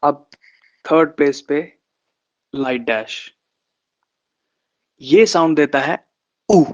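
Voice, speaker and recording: Slow, patient man teaching a lesson. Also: fairly high pitch. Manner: slow and drawn out, repeating sounds and example words. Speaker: shorthand teacher. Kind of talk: online lesson. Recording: slightly dull, lo-fi sound.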